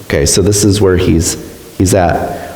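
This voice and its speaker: A man teaches a poetry lesson in a classroom, talking slowly and pausing often to gather his thoughts. His voice sits fairly low, and the room rings with a long, hollow echo. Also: fairly even intonation, a little mellow, a little hiss or hum. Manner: slow, thoughtful, with frequent pauses and fillers. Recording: echoey room with long reverb.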